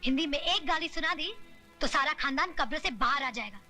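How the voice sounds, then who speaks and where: A bold young wife who answers insults with cutting retorts. Her voice is high and firm, with film music under it. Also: expressive, a little fast. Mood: combative. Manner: sharp, cutting, combative. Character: fierce defiant young wife defending her marriage. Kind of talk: Hindi film drama.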